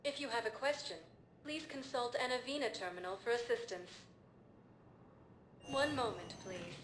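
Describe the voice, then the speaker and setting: Calm female station computer voiced by a woman, higher voice, polite even announcements, echoey sound, clear background noise. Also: normal speed, close to an everyday voice. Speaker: automated elevator guide.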